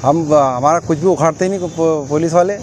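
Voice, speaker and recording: A man's voice: on the high side, moderate pace, a little mellow, slight background noise. A man, a social activist on hunger strike, giving a plain, complaining statement outdoors near a road. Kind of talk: on-the-spot statement.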